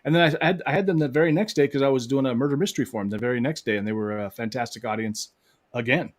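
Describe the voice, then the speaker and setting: A man's voice: medium pitch, racing. A man co-hosting a live online hypnosis show, chatting casually with lots of restarts and fillers over a video call. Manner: rambling, many restarts and fillers. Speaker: hypnotist co-host. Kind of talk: casual live-stream chat.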